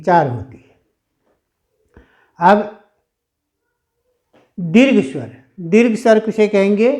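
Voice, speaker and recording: A man's voice: sits high, mellow. A male teacher explaining grammar in a classroom lesson, repeating himself and stretching out sounds as he demonstrates them. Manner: slow, repetitive explaining, stretching sounds aloud.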